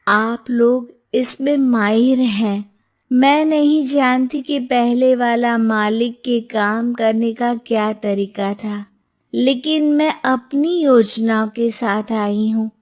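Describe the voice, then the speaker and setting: A woman's voice: on the high side, a little mellow. A woman voicing a determined, principled young businesswoman in a moral tale, earnest and firm. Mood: resolute.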